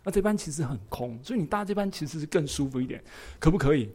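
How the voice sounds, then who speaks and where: A polite, wheedling airline counter lady, as a male preacher puts her on, talking in a raised, higher voice and nudging the customer along with friendly persuasion. her voice sits well above the man's own. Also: expressive, quick pace, warm tone, slightly rough. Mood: coaxing. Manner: persuasive, coaxing. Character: polite coaxing female airline counter clerk.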